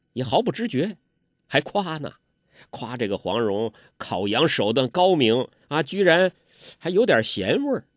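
A man's voice: mid-range voice, dry recording, studio quality. A man narrating a martial arts tale in traditional oral storytelling style, with dramatic emphasis.

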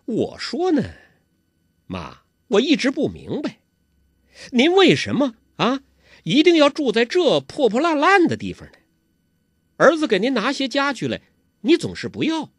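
A young nobleman in a spoken storybook, high-pitched and restless, his questions climbing with disbelief, voiced by a male storyteller. The delivery swings widely in pitch and sounds a little husky. It is recorded in a dry, close space. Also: huge pitch swings, a little slow, long pauses, no room sound, exaggerated voice. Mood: bewildered. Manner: high, pressing, incredulous. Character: young nobleman, agitated and bewildered son.

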